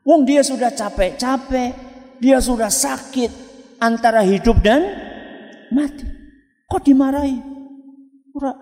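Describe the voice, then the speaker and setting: A man's voice: sits high, long reverb tail. A man preaching a sermon, telling stories and asking the audience questions. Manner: storytelling, animated, asks the audience questions. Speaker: Islamic preacher. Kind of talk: sermon with call-and-response.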